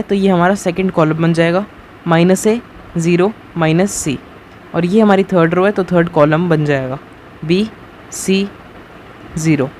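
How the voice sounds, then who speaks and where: A man's voice: sits high, a little mellow. A young man teaching a math lesson in a casual, chatty way, often checking in with his students. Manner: casual, chatty teaching with frequent "theek hai". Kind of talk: screen-recorded math lesson. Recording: faint background noise.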